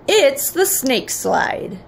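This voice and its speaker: A woman's voice: sits high, drawn-out words, creaky, voice pushed up, exaggerated voice. A woman reading aloud, voicing a clever, cheerful boy who shows visitors around his house. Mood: excited. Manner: excited, proclaiming.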